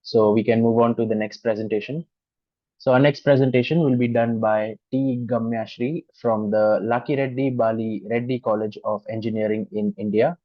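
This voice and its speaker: A man's voice: medium pitch, steady tone, dry recording. Polite male session moderator, dull dry audio. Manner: polite, formal, with hesitant pauses. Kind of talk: formal conference moderating. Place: online video conference call.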